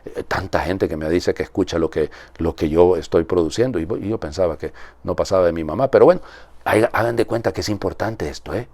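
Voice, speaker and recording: Conversational priest with a low voice. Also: male voice, a little fast, darkish tone, no echo. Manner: conversational, asks rhetorical tag questions. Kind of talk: homily with Gospel reading.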